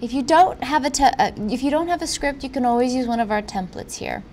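A woman presenting a software tutorial in an informal, instructional way. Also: high-pitched, animated, fast, soft background music. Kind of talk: software walkthrough narration.

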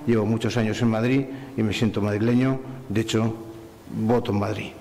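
A man's voice: on the low side, fairly even intonation, fairly quick, long reverb tail, a little hiss or hum. A middle-aged man from Valencia giving effusive formal thanks at a business breakfast, speaking into a table microphone in a large hotel function room. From Valencia, Spain. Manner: warm, effusive, repetitive listing. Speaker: forum collaborator giving closing thanks. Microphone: table microphone on stand.

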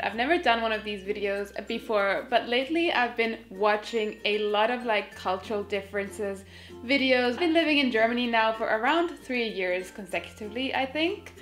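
A young woman from Finland, chatting casually to camera in a bright room and gesturing as she talks. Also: fairly high pitch, expressive, moderate pace, soft background music. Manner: chatty, gesturing with both hands. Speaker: vlogger. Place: indoors, bright room in front of a sofa.

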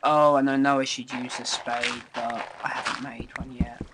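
Gameplay commentary comes from a young let's play host with a cold, speaking at normal speed in a flat, medium-pitched voice. He is chatty and sniffly, thinking aloud and frequently murmuring quietly, with game music audible in the background.

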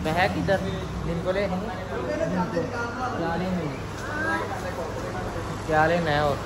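Over a loud crowd, a young man's high voice rises and falls with lively intonation, his words drawn out. He vlogs on his phone, casually narrating a bakery outing and prompting the children again and again with short phrases. It's recorded on the street and in a small bakery, with clear street and shop noise behind.

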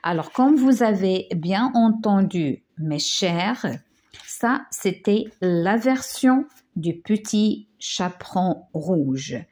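A woman reads a children's fairy tale aloud at a very slow, deliberate pace. Her voice sits at an ordinary middle pitch, and she now and then stumbles and restarts a word, like a teacher reading to a class. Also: lively intonation, a little mellow. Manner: slow, careful reading with small slips.

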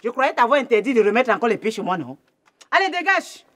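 A woman's voice: on the high side, big pitch swings, fast, fairly bright tone. An actress playing a stern mother who scolds an intruder. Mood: scolding. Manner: commanding, scolding. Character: stern mother protecting her household.

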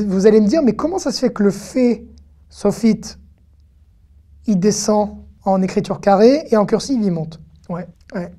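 A woman giving an online lesson, chatty and lively, talking straight to her viewers with frequent "hop" and "hein" asides. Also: medium pitch. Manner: addresses the viewer directly. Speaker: Hebrew teacher.

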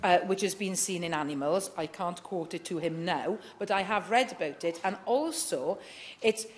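Low-voiced woman making a debate speech. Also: moderate pace, a little hiss or hum. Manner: reads prepared remarks, firm and earnest. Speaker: member of parliament. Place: large wood-panelled debating chamber.

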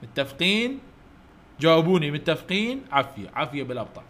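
An Iraqi-accented man leads a children's English lesson, drilling each letter in call-and-response. His voice sits a little high, and he keeps urging the class to speak up and praising them. Faint background noise runs under the recording. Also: big pitch swings, fast, fairly bright tone. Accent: Iraqi Arabic.

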